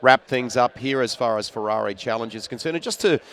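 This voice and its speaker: A man commentating a motor race broadcast in a relaxed, chatty way. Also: medium pitch, brisk. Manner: relaxed, chatty wrap-up with fillers.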